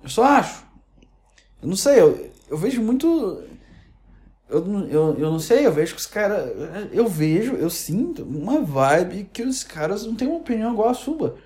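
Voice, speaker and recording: Brief: Brazilian woman, casual sarcastic commentary, rambling restarts, warm dark tone. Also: medium pitch, sing-song, moderate pace. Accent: Brazilian Portuguese. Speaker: online commentator. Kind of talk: casual opinion rant.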